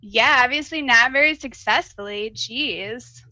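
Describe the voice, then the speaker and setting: A woman's voice: fairly high pitch, a little slow, sharp tone, no echo. A woman playing a free-spirited, brash adventurer with a slightly crackly voice and blunt, slangy talk. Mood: teasing.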